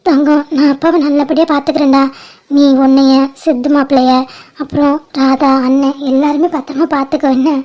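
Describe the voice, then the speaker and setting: Tender, pleading mother, voiced by a woman; high, flat, mellow voice; homemade cartoon. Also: brisk, lo-fi sound, natural voice. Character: tearful mother seeing her daughter off. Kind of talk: amateur cartoon voice acting.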